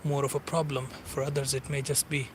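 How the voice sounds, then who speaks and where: A non-native English-speaking man in his forties narrates a walk by a river for his vlog, rambling casually and often searching for words. His medium-pitched voice barely moves in pitch and is fairly quick, with background noise outdoors.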